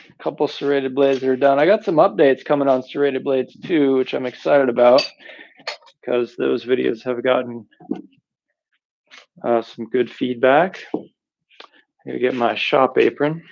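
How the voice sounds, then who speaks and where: A knife sharpening host rambles and chats with viewers during a casual livestream from his workshop, talking through a headset mic as he works. His mid-range voice is gravelly and a little mellow, and the audio sounds muffled.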